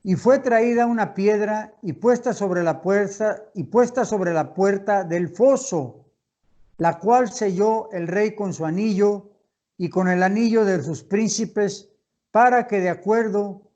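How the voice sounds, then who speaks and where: A man leading a Bible study for young people, reading scripture aloud and explaining it with slow, deliberate phrasing. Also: high-pitched, a little mellow.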